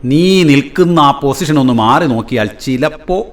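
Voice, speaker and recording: A man's voice: mid-range voice, lively intonation, a little slow, faint music behind, voice pushed up, natural voice. A man voicing a curious village man who is eager to offer fixes.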